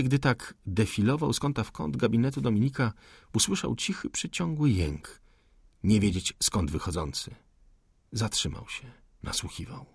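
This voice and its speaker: A man reads a classic novel aloud in a measured, deliberate way. His voice is low and a little husky. The recording is close and dry, with no room sound. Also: dry recording. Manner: measured, deliberate literary reading. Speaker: narrator. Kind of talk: audiobook narration.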